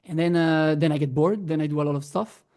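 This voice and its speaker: A young man from Belgium chats as a guest musician, his voice a little gravelly. He speaks in English, halting and restarting often with lots of fillers. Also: a little high, steady tone, darkish tone. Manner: hesitant, many restarts and fillers, non-native phrasing. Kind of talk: casual interview chat.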